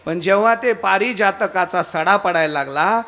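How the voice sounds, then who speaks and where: High-voiced Marathi kirtan preacher. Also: male voice, moderate pace. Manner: acts out characters in quoted dialogue, rising to loud exclamations. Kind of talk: kirtan storytelling sermon. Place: festival stage before a crowd.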